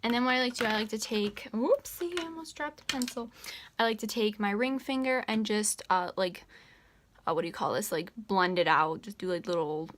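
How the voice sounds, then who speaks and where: A woman's voice: mid-range voice, brisk, fairly bright tone. Teen woman, out of breath, rambling makeup-tutorial chatter full of fillers, recorded at home. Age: late teens. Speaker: beauty vlogger. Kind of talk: casual makeup tutorial chat.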